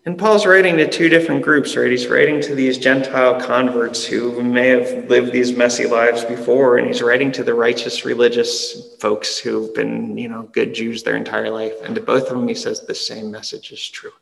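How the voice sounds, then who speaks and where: A male pastor giving a sermon in an earnest, conversational way, often dropping soft and slow for emphasis. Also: mid-range voice, little pitch movement, vocal fry, long reverb tail, poor audio.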